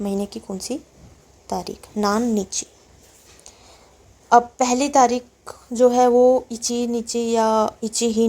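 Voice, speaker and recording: A woman teaching a language lesson, repeating each word slowly and explaining it patiently. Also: on the high side, a little mellow. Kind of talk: slow, careful vocabulary lesson.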